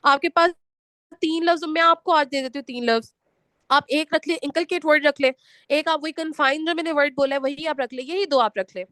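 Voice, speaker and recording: A young woman teaching a spoken English class online, switching between Hindi-Urdu and English and slowing down for the English lines. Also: high-pitched, fairly bright tone, no echo.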